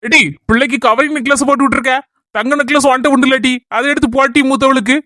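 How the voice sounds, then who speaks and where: A man's voice: very high-pitched, steady tone, fast, bright, forceful tone, no room sound, clean studio sound. A man with a Kanyakumari Tamil accent playing a bossy middle-aged husband who scolds and gives orders in a family comedy skit. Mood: scolding.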